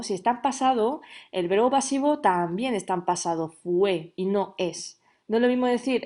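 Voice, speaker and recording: A woman teacher from giving a recorded grammar lesson, explaining step by step and often checking with a quick question. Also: mid-range voice, darkish tone. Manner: explanatory, checks understanding with frequent "¿vale?".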